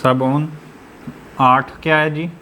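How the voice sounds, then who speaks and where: A methodical male teacher leads an online lesson over a video call, his voice sitting a little high. He keeps asking the class question after question and explains each point patiently, with a faint hum underneath. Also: flat delivery, slow, bright, forceful tone. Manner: quizzes the class with repeated rhetorical questions.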